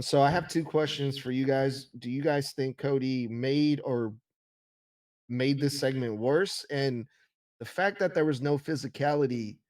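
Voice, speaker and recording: A man's voice: mid-range voice, darkish tone. A man co-hosting a podcast, giving casual conversational commentary and acting out what others said as he retells it. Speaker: podcast co-host.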